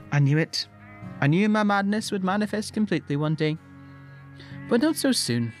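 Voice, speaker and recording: Woman playing stubborn Scottish shepherd lad, very animated. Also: mid-range voice, moderate pace, soft background music, close to an everyday voice. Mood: startled, defiant. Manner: grumbling, defiant, plain-spoken. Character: stubborn young male shepherd prophet, grumbling and weary. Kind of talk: audio drama acting.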